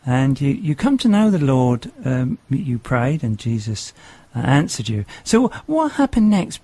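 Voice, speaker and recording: A man hosting a radio interview, prompting his guest in a halting, gentle way. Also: medium pitch, sing-song, slightly rough, no room sound. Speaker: radio host.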